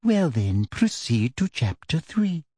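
A man voicing a prim, cold, middle-aged female teacher in a storybook reading, speaking slowly and softly with deliberate sweetness. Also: fairly high pitch, big pitch swings, breathy edge, dry recording, clean studio sound, voice pushed up, full character voice. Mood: coldly polite. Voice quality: soft, deliberate, half-whispered.

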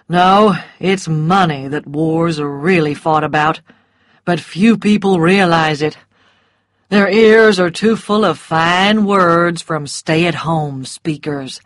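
Rhett, a cynical gentleman, as a woman reader plays him, draws out his sardonic remarks slowly and lazily in a slightly lowered voice. The recording is close and dry. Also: no echo. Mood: scornful. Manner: drawling, bored, sardonic.

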